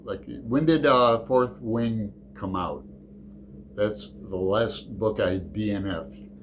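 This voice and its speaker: This book channel host is a middle-aged man with a lowish voice who speaks slowly. He talks casually and digressively, full of fillers and corrections to himself, and a bit of background noise can be heard.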